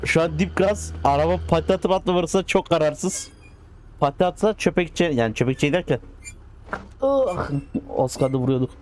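A man with a slightly high voice gives excitable, casual commentary over a driving game. He coaxes and scolds the cars on screen as if they were pets. Faint engine sounds hum behind him. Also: a little fast. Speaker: gaming channel host.

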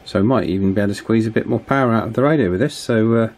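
Speaking rapidly in a low, somewhat dark voice, this electronics repair hobbyist thinks aloud with some hesitation during a casual hands-on repair demo. He's in a small indoor office workshop, and wind from a table fan sits in the background of the clear recording.

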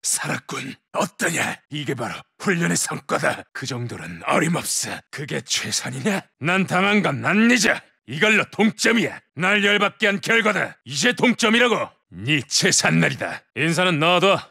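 A man's voice: on the high side, very animated, moderate pace, gravelly, few pauses, pushed and bright, slightly rough, no echo, studio quality, exaggerated voice. A man voicing a tough, cocky special-forces soldier, delivering clipped combat callouts as video game voice lines. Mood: taunting. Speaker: military operator.

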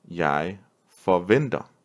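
A man, a language teacher, reading a vocabulary list word by word with pauses and repeating each phrase. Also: low-pitched, expressive. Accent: Danish. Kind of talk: slow vocabulary drill reading.

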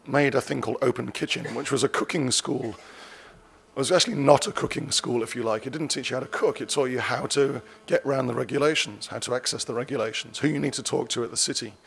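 A man in his forties gives a conference keynote from a lectern mic on stage, conversational and wry, often correcting himself mid-sentence and adding dry asides. His voice is mid-range, gravelly and husky.

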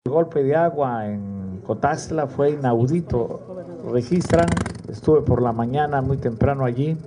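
Mexican official briefing over clear noise. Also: male voice, mid-range voice, unhurried. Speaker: government official. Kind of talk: press conference briefing. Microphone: table microphones at press conference. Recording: clear background noise, clicks.

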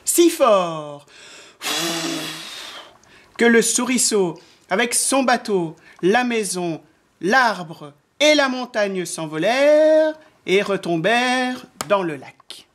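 A woman in her forties reads a children's story aloud at an unhurried pace. Her pitch moves a lot as she tells it. She reads with clear, expressive phrasing. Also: slight background noise. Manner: slow, expressive reading. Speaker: reader of a children's book.

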